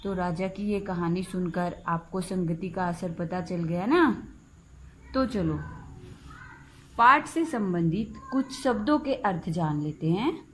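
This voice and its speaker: A woman primary school teacher with a Haryanvi Hindi accent, telling a story to young children in slow, gentle, clearly spaced phrases. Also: lowish voice, animated, slight background noise, low-quality recording.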